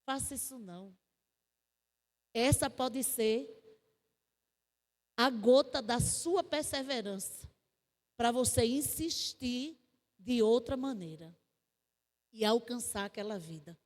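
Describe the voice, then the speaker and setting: A woman's voice: fairly high pitch, takes it slowly, long pauses. A woman with a Northeastern Brazilian accent preaching a testimony sermon, telling her story vividly and acting out the voices she quotes. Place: church hall. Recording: long church reverb.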